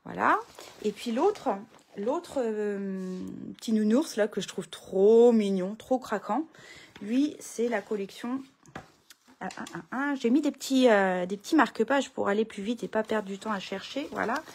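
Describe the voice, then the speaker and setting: A woman's voice: on the high side, animated, a little slow, darkish tone, slightly rough. A middle-aged woman, chatting casually through a papercraft tutorial from her home craft room, full of fillers and restarts.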